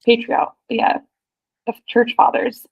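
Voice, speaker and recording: A woman in a casual research chat, excitedly reading history passages aloud in quick bursts. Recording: dull lo-fi sound.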